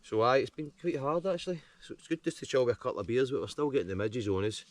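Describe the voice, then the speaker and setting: A man's voice: medium pitch, quick pace. A Scottish man in a casual outdoor vlog, chatty and laid-back, tired after a hard hike, talking by a campfire. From Scotland. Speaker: outdoor vlogger. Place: outdoors by a campfire on a wooded shore.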